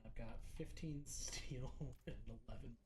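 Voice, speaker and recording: A man's voice: mid-range voice, a little slow. Man chatting in an echoey room. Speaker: gamer playing online with a friend. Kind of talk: casual chat while gaming. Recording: echoey room with faint background noise.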